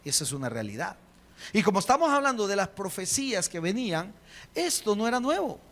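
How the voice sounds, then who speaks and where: A man, preaching a sermon as a pastor, emphatic, slowing on key phrases and putting rhetorical questions to the congregation. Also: sits high, big pitch swings, fairly bright tone. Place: church hall. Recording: long reverb of a church hall.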